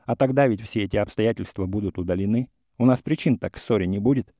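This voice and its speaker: A man voicing a hot-headed young gentleman suitor in a classic story reading, talking in a heated, insistent way. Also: lowish voice, fast, no room sound, clean studio sound, natural voice. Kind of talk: audiobook character reading.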